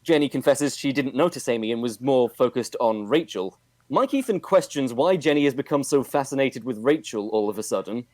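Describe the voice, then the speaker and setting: A man casually recapping a television episode on a podcast, with steady narration and frequent fillers. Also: medium pitch, a little fast, no echo. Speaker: podcast host recapping a show.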